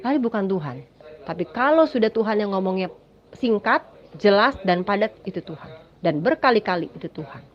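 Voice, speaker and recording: A woman's voice: medium pitch, animated, fairly quick. A woman giving a spoken personal testimony, telling her story dramatically and often addressing listeners as "Saudara". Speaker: testimony speaker. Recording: dull lo-fi recording.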